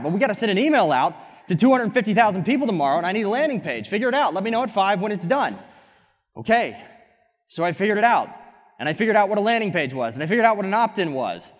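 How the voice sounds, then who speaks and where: A young man giving an energetic motivational keynote on a conference stage through a headset mic. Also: high-pitched. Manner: energetic, gesturing, quips at co-speaker. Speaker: keynote speaker. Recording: hall reverb from a conference stage.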